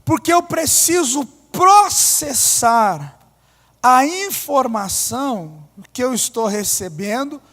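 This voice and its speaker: Male pastor, very high voice, emphatic sermon with wry low asides, long church reverb. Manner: emphatic, shifting between loud declarations and low asides, humorous. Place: church hall.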